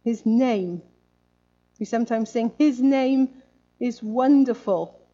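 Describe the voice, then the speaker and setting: A woman's voice: on the high side, slow pace, warm tone, dull audio. A woman preaching a sermon in a conversational way, often adding tag questions.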